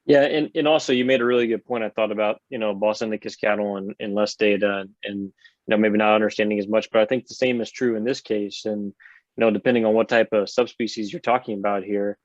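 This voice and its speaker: A man from Texas moderates a webinar Q&A with a lowish voice and casual filler words. His sound is dry and close, but dull and lo-fi. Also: fairly even intonation, quick pace, no echo. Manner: casual, fills with "you know" and "I mean".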